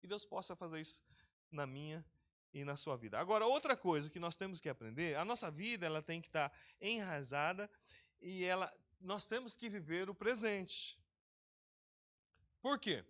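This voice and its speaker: Man, pastor, sermon, high voice, very animated pitch, calls out to listeners. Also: normal speed. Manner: lively, talks straight to the congregation, calls people by name. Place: church, online service.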